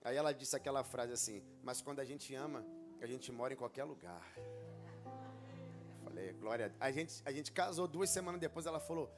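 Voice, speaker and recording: A man preaching a sermon as pastor, telling a personal story and rising into loud, fervent exhortation. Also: medium pitch, quick pace, music in the background.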